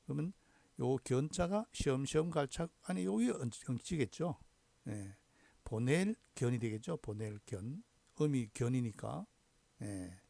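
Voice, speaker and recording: A man teaching Chinese characters in a slow, deliberate lecture, often dropping in a short affirming "ye" between points. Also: medium pitch, lively intonation, creaky, warm tone, no echo. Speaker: hanja teacher. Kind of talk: recorded lecture.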